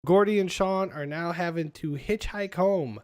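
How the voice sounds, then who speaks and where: A man's voice: high-pitched, unhurried, darkish tone. A man hosting a casual podcast, retelling movie scenes and quoting lines with frequent laughs. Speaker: podcast host.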